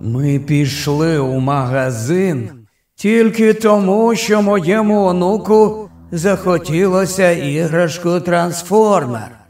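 A man doing an old vampire's slow menacing whisper. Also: sits high, darkish tone, recorded from a distance, faint music behind. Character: monstrous grandpa, old winged vampire.

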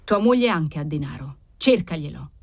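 A woman's voice: sits low, lively intonation, normal speed, a little mellow. A woman voicing a harsh, domineering male aristocrat who is desperate for money, giving curt orders. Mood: harsh, commanding.

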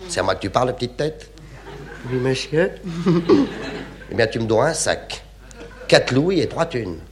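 A man doing a gruff slangy barman. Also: expressive, measured pace, close to an everyday voice. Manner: low, curt, working-class slang. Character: gruff slangy male bar waiter, blunt.

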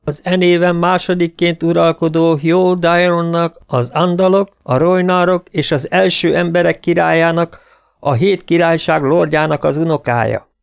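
A man's voice: on the high side, fairly even intonation, gravelly, clean tone, voice pushed up. A man voicing a male herald who proclaims a prince's titles in a ringing ceremonial manner. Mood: proclaiming.

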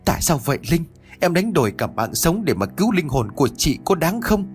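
The ghost of a sorrowful young older sister begs in a tearful, raised voice, as a man puts her on. Her pitch moves widely, and soft music plays under the audio story. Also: big pitch swings, brisk. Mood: imploring. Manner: tearful, imploring.

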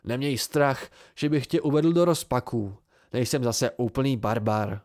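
A man's voice: medium pitch, fairly even intonation, a little mellow, lightly acted. A man reading an amateur audiobook, voicing a dry-witted seasoned man who lectures his younger friends wryly.

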